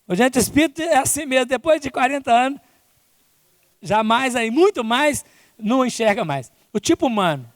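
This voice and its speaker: A man's voice: very high voice, lively intonation, normal speed, clean studio sound. A man with a Brazilian accent giving a spiritist lecture at a conference, often tagging his sentences with "né?" and "não é?". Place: conference hall. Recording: long reverb from a big hall.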